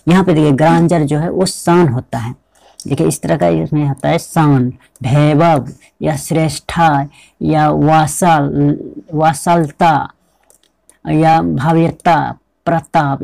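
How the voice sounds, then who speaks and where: A man's voice: fairly high pitch, creaky, warm tone, dry recording. A man teaching English pronunciation in a classroom style, spelling out words, repeating them and checking with rhetorical questions.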